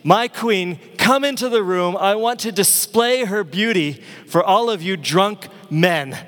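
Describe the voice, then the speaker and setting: A man voicing a drunken, boastful male king in a slow, slurring drawl, in the middle of a sermon. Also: high-pitched, a bit bright, in a large hall, pitched above the performer's own voice.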